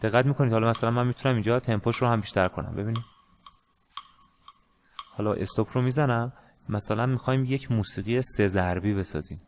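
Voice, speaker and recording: A man teaching a music lesson in a casual, hesitant way, with many pauses and fillers. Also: medium pitch, a little hiss or hum. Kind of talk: casual screen-share lesson.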